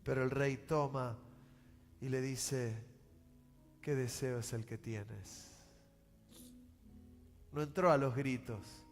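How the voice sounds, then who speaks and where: A pastor with a Rioplatense Spanish accent preaching a sermon, swinging from loud outbursts to hushed, slow pleading. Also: male voice, mid-range voice, steady tone. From Argentina. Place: church sanctuary. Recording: church hall reverb with music.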